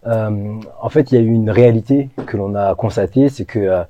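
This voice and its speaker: A man's voice: on the low side, fairly quick, dark tone, dull audio, a little hiss or hum. A man from France giving interview answers as a brand co-founder, speaking thoughtfully and hesitantly with many fillers. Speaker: co-founder of a natural products brand.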